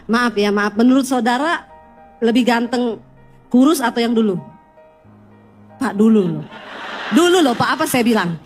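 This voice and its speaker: Woman pastor, sermon, high-pitched, teasing humor, church congregation. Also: normal speed, long pauses, faint music behind. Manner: lively storytelling with teasing humor, often calls out to the congregation.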